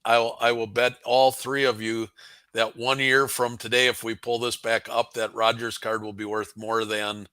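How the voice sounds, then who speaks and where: Man, Wisconsin accent, bright forceful voice, emphatic, casual debate, dry sound. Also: mid-range voice, little pitch movement, moderate pace, clear, resonant tone, no room sound. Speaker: sports card podcast panelist.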